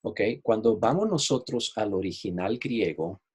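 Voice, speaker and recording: A man leads a Bible study, explaining the material patiently and in careful steps. His voice sits a little low and has a faintly husky edge. He keeps checking in with his listeners as he goes. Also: expressive, measured pace, darkish tone. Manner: explanatory, repeats "¿ok?" to check understanding; shares screen while teaching, online class. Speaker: Bible teacher.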